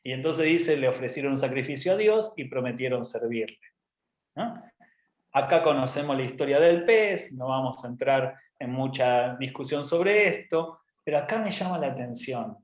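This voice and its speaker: A man's voice: medium pitch, animated, moderate pace, reverberant. A man preaching in a casual, humorous way, often adding tag questions. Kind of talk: informal sermon talk.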